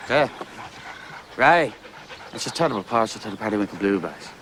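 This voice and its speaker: An actor playing a rough male character in a film, speaking in rapid, garbled mumbling. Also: on the low side, animated, a bit bright, slight background noise. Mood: wheeling-dealing.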